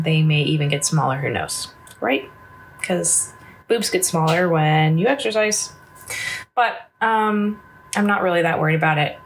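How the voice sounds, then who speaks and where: A woman's voice: fairly low pitch, a little hiss or hum. A woman vlogger talking candidly in a casual video diary, a little congested, chatty and full of fillers.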